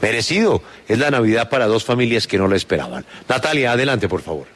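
Low-voiced male show host. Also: animated, quick pace, a bit bright. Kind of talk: lively morning show banter.

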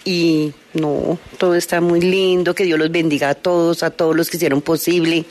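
A woman interviewed on site, halting and emotional as she gives thanks. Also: fairly low pitch, little pitch movement, darkish tone.

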